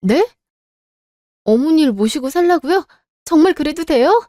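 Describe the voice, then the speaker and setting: Radio drama lead: a woman as an anxious, pleading wife, mellow voice, dry sound. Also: a little high, expressive, normal speed, no room sound, close to an everyday voice. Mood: polite, surprised. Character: worried married daughter, young mother.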